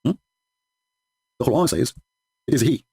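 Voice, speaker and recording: A man's voice: mid-range voice, lively intonation, moderate pace, gravelly, mellow, husky. A man whose first language is not English, hosting a livestream and mocking his opponents sarcastically, with frequent laughs and broken English. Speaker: host.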